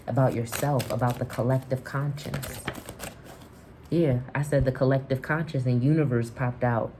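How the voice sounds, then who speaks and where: A woman's voice: rumbling low, mellow, slight background noise. A woman doing a spiritual tarot reading, speaking affirmations directly to the listener and often repeating herself. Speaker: tarot reader.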